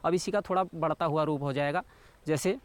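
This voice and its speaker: A man, a folk musician who sings slow verses and explains them in plain talk. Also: a little high, fairly even intonation, smooth. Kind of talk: explaining and singing folk songs.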